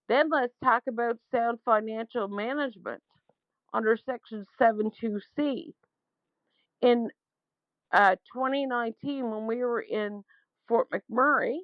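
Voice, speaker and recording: A woman's voice: fairly high pitch, dry recording. A woman leaving a voicemail, airing a grievance in an indignant, insistent, emphatic and argumentative way. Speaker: caller leaving a complaint. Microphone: telephone. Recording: muffled, dull voicemail recording.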